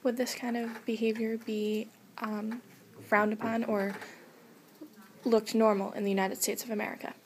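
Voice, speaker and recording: A young woman interviewing someone, asking probing, halting questions. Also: on the high side, little pitch movement, a little hiss or hum. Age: young adult. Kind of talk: mock street interview.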